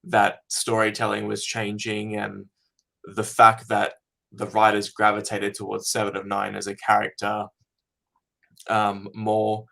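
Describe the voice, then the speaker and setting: A man's voice: lowish voice, monotone, unhurried, gravelly, sharp tone. A man, a fan filmmaker being interviewed, talking casually and thoughtfully with many ums.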